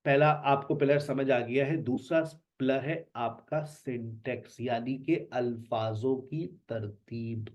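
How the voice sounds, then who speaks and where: A man's voice: medium pitch, darkish tone. A man teaching an online spoken English lesson, repeating words with emphasis to drill them. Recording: dull lo-fi sound.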